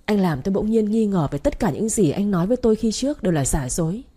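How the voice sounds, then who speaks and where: A woman's voice: medium pitch, lively intonation, quick pace, warm tone, breathy edge. A woman voicing a hurt, furious young wife who accuses her husband in a raised voice, with faint music behind. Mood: tearful accusing.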